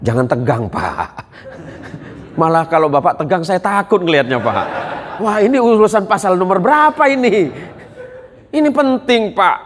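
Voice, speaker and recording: A man's voice: high-pitched, animated, moderate pace, pauses often, a little hiss or hum. A male Islamic preacher giving a humorous religious lecture to a gathering in a large hall, bantering and joking with the audience. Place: large hall at a police headquarters.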